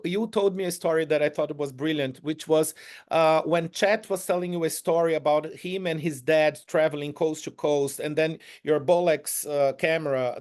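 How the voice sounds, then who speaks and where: Halting male interviewer. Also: fairly high pitch, darkish tone. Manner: halting, searching for words. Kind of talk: interview questions.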